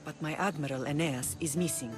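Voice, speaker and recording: Speaking briskly in a deep, natural voice, an actress takes the role of an island's ruler, a middle-aged mother who is composed and commanding. The scene is a video game cutscene with background music.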